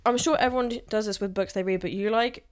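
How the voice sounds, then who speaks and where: A woman's voice: mid-range voice, fast talker, clear, resonant tone. A young woman, co-hosting a casual podcast chat, talking in a loose, chatty way full of fillers and ready laughs. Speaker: podcast co-host.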